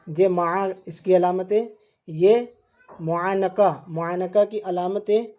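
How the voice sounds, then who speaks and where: Patient quran teacher sounding out each letter and vowel mark, says words over and over, warm low tone. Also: flat delivery, lo-fi sound. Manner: spells out letters and vowel marks syllable by syllable, repeating words slowly; addresses viewers directly and patiently explains rules. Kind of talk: online reading lesson.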